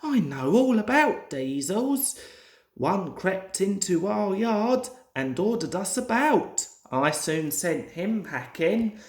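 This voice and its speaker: A woman's voice: mid-range voice, very animated, slow, a little mellow. A woman voicing a boastful, self-important male engine in a storybook, in an echoey room. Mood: bragging. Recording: roomy, echoing home recording.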